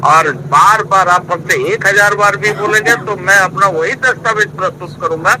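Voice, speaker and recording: An official answers a phone call played over a speaker at a protest, defending himself and repeating "sir" and that the papers were already handed over. His voice is high-pitched at a moderate pace, with noise in the background.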